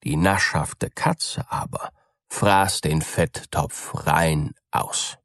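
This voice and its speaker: A man reading a fairy tale aloud in a calm, unhurried storytelling manner. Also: extremely low pitch, dry recording, clean studio sound.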